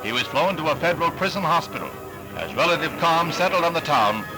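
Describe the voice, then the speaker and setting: An American man reads scripted 1960s newsreel narration in a formal, emphatic announcer style over a vintage soundtrack with music underneath. His voice is on the high side, animated and brisk. The recording quality is low.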